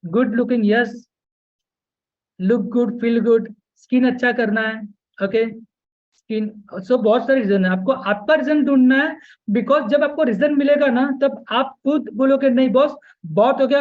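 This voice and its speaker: A man's voice: very high-pitched, dull audio. A man coaching weight loss in a live online webinar, mixing English into his Hindi and checking in with "okay?" again and again. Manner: keeps checking in with listeners, repeating "okay?" and "yes"; mixes English words into Hindi speech.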